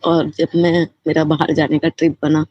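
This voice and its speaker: A woman's voice: low voice, little pitch movement, moderate pace, a little mellow. A woman giving a personal devotional testimony, speaking in a heartfelt, repetitive and fervently grateful way. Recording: slightly muffled lo-fi recording.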